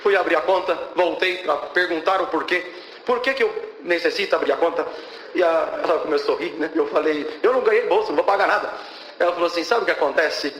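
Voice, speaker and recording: A man's voice: fairly high pitch, brisk, fairly bright tone, slight background noise. A young Brazilian man giving a fervent testimony at a church service, breaking off often to praise God. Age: young adult. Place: church hall. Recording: echoey church hall with faint ambience.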